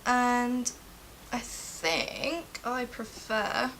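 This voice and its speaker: Female beauty vlogger, bright and slightly high voice, informal chat to camera, light hiss. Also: animated, drawn-out words, poor audio. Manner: chatty, informal. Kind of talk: casual makeup review to camera. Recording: faint background hiss.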